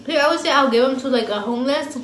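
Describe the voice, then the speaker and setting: A woman's voice: high voice, fast, slight background noise. A young woman vlogger chatting casually while eating, blunt and slangy, laughing easily. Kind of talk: casual mukbang chat. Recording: roomy home sound with faint ambience.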